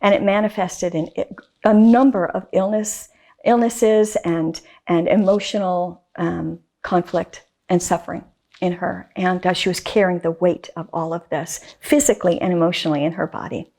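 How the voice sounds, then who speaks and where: A woman guest artist talking casually in a faith interview, telling a story with animated emphasis and repeated phrases. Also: fairly low pitch, normal speed.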